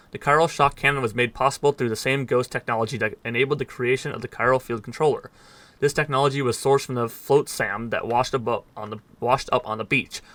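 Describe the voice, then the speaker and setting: A man's voice: medium pitch, a bit bright, no room sound. A man reading in-game text aloud at speed, stumbling over words now and then and dropping dry asides. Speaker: gaming let's player.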